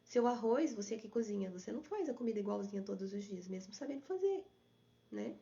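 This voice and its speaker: A woman's voice: medium pitch, lively intonation, brisk, mellow, lo-fi sound. A woman therapist hosting a live stream, explaining things and answering viewer comments.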